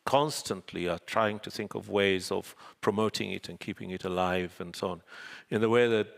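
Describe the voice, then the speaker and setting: Speaking as a panel guest in a reverberant hall, this older Zanzibari man, a native Swahili speaker, has a low, gravelly voice. He weighs his words carefully, with frequent hedges.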